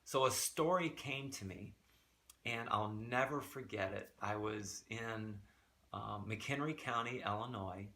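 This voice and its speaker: Guy with a bright clear voice doing a calm heartfelt vlog, soft and unhurried, quiet little room. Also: lowish voice. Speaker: vlogger. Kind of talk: reflective personal vlog and storytelling. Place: small quiet room set aside for reflection.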